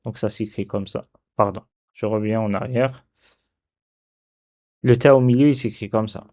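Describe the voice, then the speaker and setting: A man teaching a dictation lesson step by step, sounding syllables out slowly and repeating them. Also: fairly low pitch, fairly even intonation, a little mellow. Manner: slow, repeats syllables aloud. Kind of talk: step-by-step lesson on writing Arabic letters.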